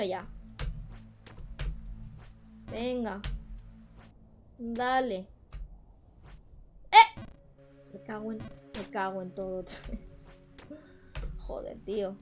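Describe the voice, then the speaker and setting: Young woman, Spain Spanish accent, gaming streamer, fed-up rants, higher voice, faint music behind. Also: animated, extremely slow, long pauses, darkish tone. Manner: frustrated, exclaiming and swearing at the game. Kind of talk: live gaming stream chat.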